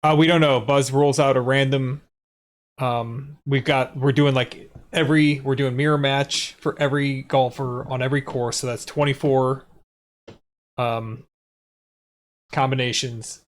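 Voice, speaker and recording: A man's voice: mid-range voice, little pitch movement, a little slow. A man hosting a live race restream, chatting casually and laughing easily. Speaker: restream host. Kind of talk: casual race commentary chat.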